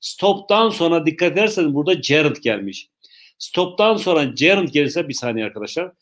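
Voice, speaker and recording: A man teaching a live English class on the internet speaks slowly, repeats himself, and turns viewers' questions into jokes. His voice leans high and sounds animated.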